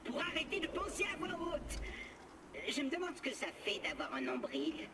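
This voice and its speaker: A man voicing a chirpy, boastful male robot sidekick with a high-pitched robot voice, overexcited and rambling. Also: huge pitch swings, normal speed, far from the mic, heavy background noise, full character voice. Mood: chattering.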